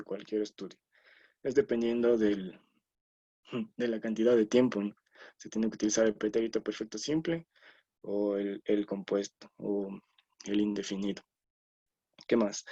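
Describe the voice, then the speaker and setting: A man's voice: fairly low pitch, dark tone, no echo, highs cut off. A man from Ecuador giving an explanatory lecture on scientific writing, often checking in with tag questions and fillers.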